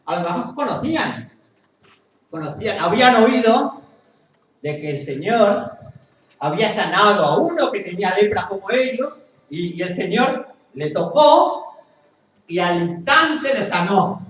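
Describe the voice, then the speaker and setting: Echoey sermon from a Spanish pastor. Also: male voice, sits high, sing-song, unhurried, pauses often, fairly bright tone. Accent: Spain Spanish. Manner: repeats phrases for emphasis, earnest preaching. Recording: very echoey hall, mic far off.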